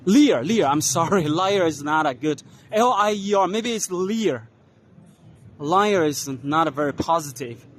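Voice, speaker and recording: A man casually narrating a walking tour of a trade expo, unhurried, spelling out brand names letter by letter as he walks. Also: on the high side, animated, fairly bright tone, slight background noise. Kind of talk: casual walk-and-talk narration. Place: large indoor trade expo hall.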